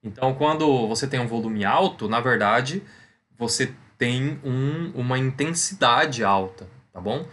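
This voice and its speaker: A man's voice: medium pitch, expressive, a little slow, fairly bright tone. A man teaching a recorded physics lesson over slides, speaking conversationally and checking in with his students after almost every point. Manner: explains step by step, repeats key points.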